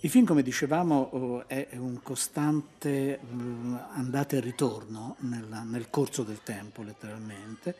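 Mellow male radio film host. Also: mid-range voice, unhurried, few pauses, a little hiss or hum. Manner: explanatory, with hesitations.

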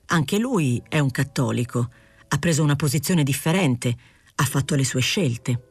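A woman's voice: very deep voice, animated, normal speed, breathy edge, dry recording, full character voice. A woman voicing a hesitant, confused male journalist. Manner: apologetic, self-justifying.

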